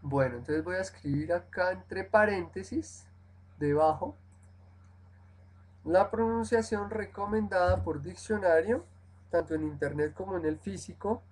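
A woman's voice: lowish voice, a little mellow, husky, poor audio. A woman teaching an English lesson over a live stream. She explains step by step, repeats example words carefully, and keeps checking that her students follow. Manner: models English words slowly and repeats them.

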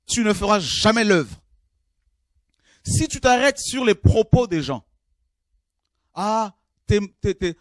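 High-voiced fervent French-language preacher. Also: male voice, dry recording, clean studio sound. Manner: fervent, swings from low murmurs to high exclamations; repeats and restarts phrases while addressing listeners. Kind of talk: call-in sermon.

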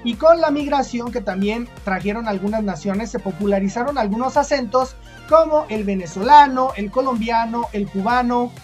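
A woman's voice: fairly high pitch, normal speed, a little mellow, faint music behind. A Mexican woman with a Mexican accent, hosting her video in a chatty, explanatory way and thinking aloud. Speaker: video host. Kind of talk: casual explanatory commentary.

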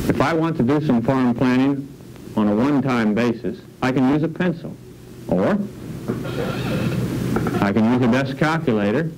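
A middle-aged man presenting an educational film on farm management, explaining in a measured way and posing questions, seated in an office. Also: mid-range voice, darkish tone, slight background noise, low-quality recording. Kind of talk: scripted educational narration.

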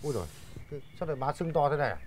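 A man's voice: on the high side, animated, rapid-fire, slight background noise, close to an everyday voice. A man playing a short-tempered village master and father who scolds and complains. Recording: background music under dialogue.

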